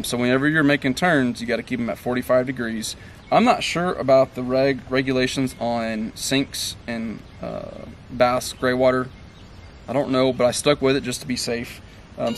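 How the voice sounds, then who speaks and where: A man in his thirties talks through his home-build plumbing outdoors at a country building site, explaining each part step by step in an easygoing way, with frequent ums and uhs. His voice sits at an ordinary middle pitch. Faint outdoor noise hums behind him. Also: moderate pace. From Tennessee. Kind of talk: casual how-to walkthrough.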